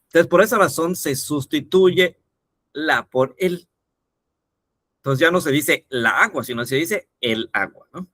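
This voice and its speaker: A man's voice: fairly high pitch, unhurried, fairly bright tone, no echo. A man teaching a lesson, explaining step by step and often checking in with the listener. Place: teaching video.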